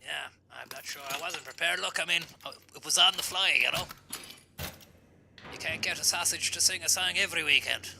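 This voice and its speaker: A man putting on a gruff, boastful singer's voice, muttering low and half-whispering with swearing. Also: brisk, noisy background. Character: gruff male lounge singer, mock-proud and boastful.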